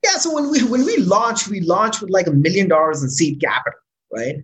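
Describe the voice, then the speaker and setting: A startup founder from Pakistan answers interview questions casually, often checking in with "right?" and restarting words when excited. His voice is mid-range and fairly quick.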